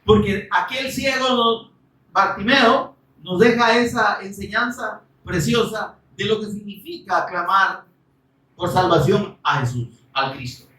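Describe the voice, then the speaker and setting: A preacher delivering a fervent sermon, firing rhetorical questions and breaking into shouts for emphasis. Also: mid-range voice, measured pace, recorded from a distance. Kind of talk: Spanish-language sermon. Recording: roomy, from off-mic.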